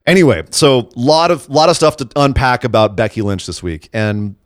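Excitable man chatting about wrestling. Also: mid-range voice, normal speed, dry recording, studio quality. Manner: animated, excitable, breaks into laughs. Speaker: podcast co-host. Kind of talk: casual wrestling chat.

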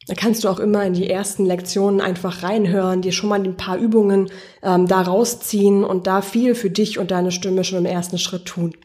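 A woman's voice: mid-range voice, fairly even intonation, normal speed, mellow. Encouraging female voice coach. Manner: encouraging, addresses the listener directly; explanatory, poses guiding questions. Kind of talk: podcast lesson.

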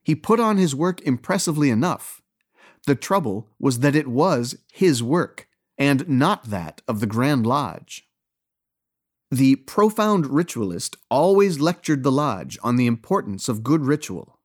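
A man reading a story aloud as narrator, in a wry, gently ironic tone. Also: medium pitch, sing-song, measured pace.

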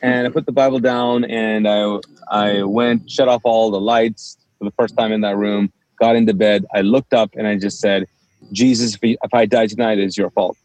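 A fairly low-pitched man speaks at normal speed in a low-quality recording. He's a pastor from Kuwait, first language Urdu, guesting on a casual interview where he tells his story with animation and acts out the dialogue.

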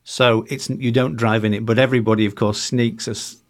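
A man, a safari company founder, chatting as a podcast guest and telling anecdotes in a relaxed, self-deprecating way with frequent restarts. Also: mid-range voice, a little fast. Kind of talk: conversational podcast interview.

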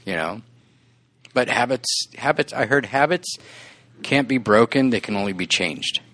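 Expressive and medium-pitched, his voice sounds pushed and bright as he moves at a moderate pace. He's a forties-aged podcast co-host chatting casually and earnestly, rambling, restarting, and laughing a lot.

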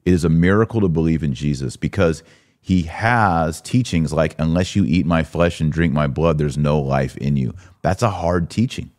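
A man hosts a religious podcast, preaching commentary and discussing faith in an emphatic, exhorting manner full of rhetorical questions. His voice is extremely low and a little mellow, at a normal speed.

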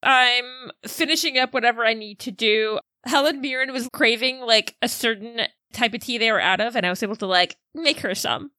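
A woman's voice: fairly high pitch, normal speed, few pauses, pushed and bright, no room sound. A woman playing a tabletop role-playing game, speaking casually in character. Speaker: player.

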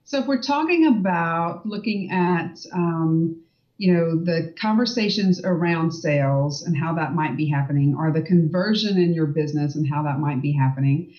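A woman's voice: low-pitched, normal speed, darkish tone. A woman sales coach in a casual interview, explaining confidently with many "you know"s and "right?"s. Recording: distant, dull remote audio.

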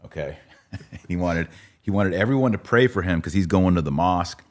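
A podcast host tells stories in a loose, informal style, acting out both sides of remembered conversations as quoted dialogue. His low voice is animated and fairly quick.

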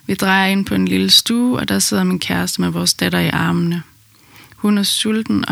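A woman calmly narrating her own birth story in the first person, in an intimate storytelling manner. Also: fairly low pitch, vocal fry, no room sound.

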